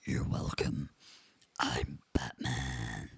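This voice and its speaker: A sinister demon voice during a game stream. It rumbles extremely low with a gravelly fry and a husky, breathy whisper. Every word is drawn out slow and threatening. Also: female voice, steady tone, exaggerated voice. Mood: mocking. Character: menacing demon with a deep growling voice. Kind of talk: put-on voice during a game livestream.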